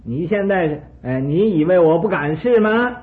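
A man's voice: sits high, expressive, moderate pace, pitched above the performer's own voice. A man acting out a jealous, raging ancient king. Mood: angry, taunting. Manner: shouting, scornful challenges. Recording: tinny phone-like sound with faint hiss.

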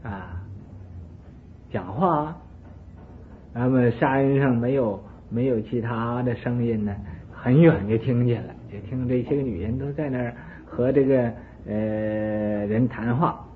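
Animated male preacher telling a story. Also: medium pitch, measured pace, slight background noise. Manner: animated, swings between loud and soft. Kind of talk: sermon storytelling. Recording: narrow phone-like band.

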